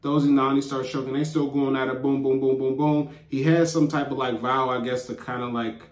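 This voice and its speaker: A man's voice: mid-range voice, level tone, fairly quick. A man giving a casual, rambling, slang-filled recap of a TV episode as a show reviewer. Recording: roomy echo.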